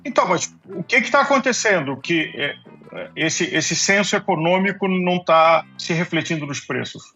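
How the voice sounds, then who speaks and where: A man's voice: high-pitched, animated, moderate pace, pushed and bright, faint music behind. A male podcast host asking long, thoughtful questions of his guests. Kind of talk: podcast interview.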